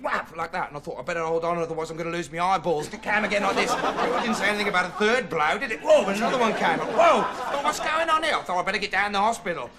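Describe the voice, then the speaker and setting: A bumbling would-be TV reporter. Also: male voice, high-pitched, animated, fast talker, few pauses, a loud crowd. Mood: rambling. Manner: meandering, hesitant, full of ums and rights. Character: dim, rambling young male self-styled investigative reporter. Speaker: comic TV character monologue. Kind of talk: deadpan rambling comic monologue. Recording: loud studio audience laughter, noisy old TV tape. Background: audience laughing.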